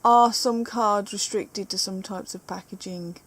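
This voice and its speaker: A woman's voice: medium pitch, steady tone, measured pace, a bit bright. A woman with a British accent, chatting playfully at home while opening trading cards and reading them aloud. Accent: British English. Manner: playful, chatty, reads card text aloud. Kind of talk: casual chat. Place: living room at home.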